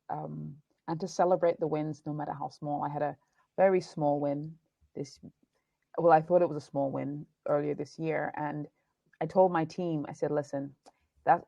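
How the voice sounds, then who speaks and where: A woman's voice: sits low, gravelly, mellow, no room sound, dull audio. A woman in her forties, raised across three countries, giving thoughtful and earnest interview answers. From Nigeria, England and the United States. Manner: thoughtful, restarts sentences, earnest. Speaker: guest, documentary producer and speaker.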